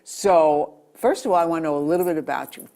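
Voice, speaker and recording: Woman, talk show host, low voice, measured and formal. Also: dark tone. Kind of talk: public-access interview.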